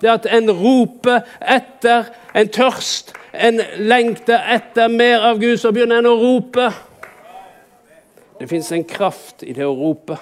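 Male preacher, fairly high voice, chatty sermon full of rhetorical questions. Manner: conversational preaching, rhetorical questions, rises in pitch for emphasis.

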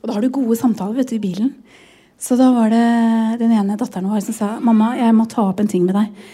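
High-voiced woman giving emotional testimony. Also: fairly even intonation, mellow, husky. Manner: emotional, often near tears and laughing. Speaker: pastor's wife and speaker. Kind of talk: personal testimony in a sermon.

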